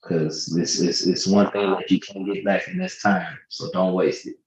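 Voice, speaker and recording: Deep voiced dude giving straight-up advice, slangy, roomy muffled audio. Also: male voice, little pitch movement, normal speed. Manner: earnest, direct advice with street slang. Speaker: guest. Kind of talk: casual podcast discussion. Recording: roomy, dull lo-fi sound.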